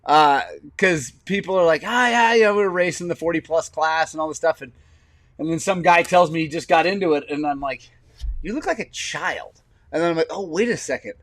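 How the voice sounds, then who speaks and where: Man in his forties, casual podcast chat, rambling storyteller, slightly high voice, dry close sound. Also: normal speed, fairly bright tone, no echo. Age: 40s. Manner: rambling storyteller, laughs often. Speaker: podcast co-host.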